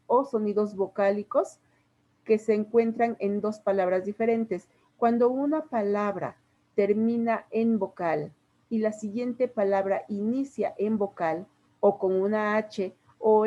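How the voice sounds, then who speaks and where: A woman's voice: mid-range voice, dark tone, highs cut off. A woman with a Mexican Spanish accent, a literature teacher patiently explaining poetry to a class step by step with examples. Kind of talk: classroom lesson.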